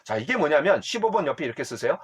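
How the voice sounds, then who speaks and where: Teaching a discipleship class at church, a middle-aged pastor speaks animatedly and keeps quizzing his audience. His voice runs somewhat high and slightly rough, and he talks at a quick pace.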